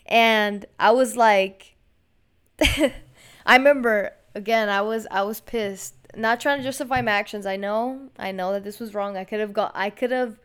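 Frustrated rambling woman, smooth voice. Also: mid-range voice. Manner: rambling, frustrated, swears a lot, slangy. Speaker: podcast host. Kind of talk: casual storytelling monologue.

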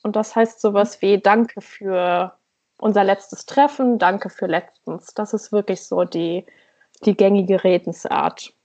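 A German woman, an emigrant blogger appearing as a podcast guest, talks hesitantly over an internet call and often searches for words in a casual conversational interview. Her medium-pitched voice has a darkish tone and a measured pace, and the audio sounds dull.

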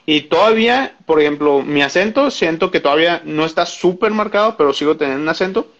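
A man recounting his experience in casual conversation, hesitant with frequent pauses and restarts. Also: a little high, animated, fairly bright tone, lo-fi sound. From Mexico. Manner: hesitant, many fillers and restarts.

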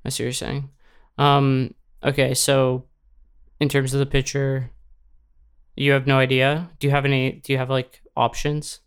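A woman's voice: extremely low pitch, monotone, moderate pace, clean tone. A woman interviewing someone in a casual, chatty way. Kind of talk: casual chat.

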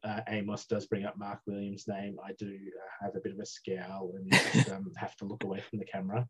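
Low husky aussie bloke hosting a podcast, muffled lo-fi call audio. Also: male voice, completely flat delivery, bright, forceful tone. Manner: measured, leads the discussion. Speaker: podcast co-host. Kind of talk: casual chat over a video call. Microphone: video call. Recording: dull lo-fi video call audio.

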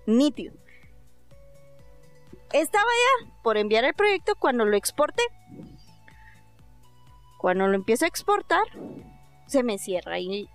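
A young woman, telling a personal story in casual chat and acting out the voices in it. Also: mid-range voice. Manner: lively, laughs often, acts out quoted voices.

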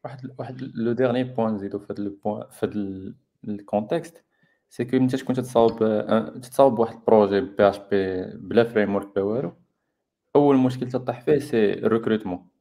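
A man's voice: lowish voice, rapid-fire, warm tone. A man with a Moroccan accent explaining casually in a discussion, dropping in borrowed terms. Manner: explanatory, mixing in French terms.

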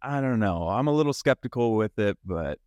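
A man's voice: fairly low pitch, animated, fairly quick, darkish tone, dry recording, muffled recording. A man on a casual podcast who laughs often and gives hesitant opinions. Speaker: podcast guest.

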